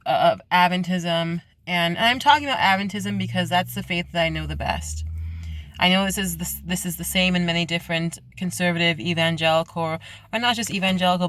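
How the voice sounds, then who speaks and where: A young woman speaking earnestly in a confessional late-night vlog from her parked car, halting and restarting often. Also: lowish voice, fairly bright tone, dry recording. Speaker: vlogger.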